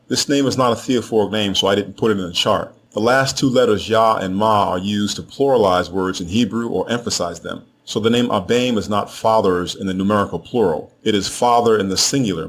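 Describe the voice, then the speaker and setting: Slow, measured male narrator of a lesson. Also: lowish voice, slight background noise. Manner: measured, spells out letters, repeats each name slowly. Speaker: teacher of Hebrew names. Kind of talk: scripted narration.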